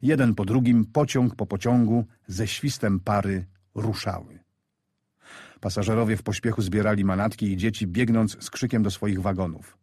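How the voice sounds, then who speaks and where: A man narrating a war story in a measured storyteller's way, lifting his voice for the soldiers he quotes. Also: fairly low pitch, fairly even intonation, darkish tone, husky, no room sound, clean studio sound.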